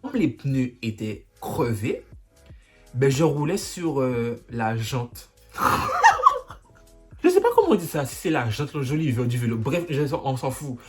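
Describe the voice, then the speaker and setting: Male vlogger, animated storyteller, lively pitch, dramatic sound effects. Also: moderate pace, soft background music. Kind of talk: storytime vlog.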